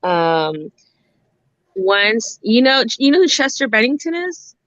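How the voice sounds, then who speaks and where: A woman's voice: on the high side, big pitch swings, slow pace, a bit bright, no echo. Casual storyteller, woman in her forties, slightly muffled dry recording. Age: 40s. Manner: laughs often, tells stories with lots of "I'm like". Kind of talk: casual chat.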